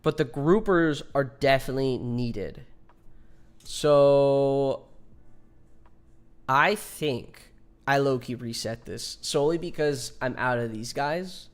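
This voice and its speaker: A man in his twenties streaming a game, chatting casually and joking with viewers, swearing often. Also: mid-range voice. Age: 20s. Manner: laid-back, joking with chat, swears often. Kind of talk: casual live-stream chat.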